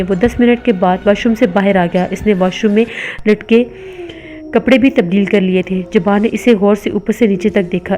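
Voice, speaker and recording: A woman reading a horror novel aloud as a storyteller, in a steady, measured way. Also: mid-range voice. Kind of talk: scripted horror narration.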